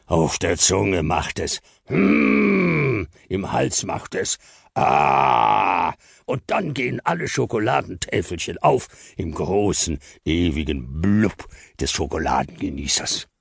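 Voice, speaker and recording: A man voicing a self-satisfied, dreamy male chocolate Santa who talks slowly and pompously. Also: low voice, sing-song, gravelly, husky, no room sound, studio quality, exaggerated voice.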